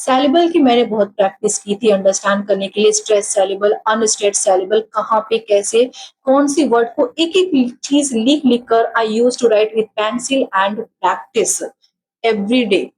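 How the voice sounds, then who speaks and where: A woman's voice: on the high side, a little mellow, poor audio. Tired Indian woman teaching exam prep. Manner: mixes Hindi and English, slow when reading definitions, rapid when explaining.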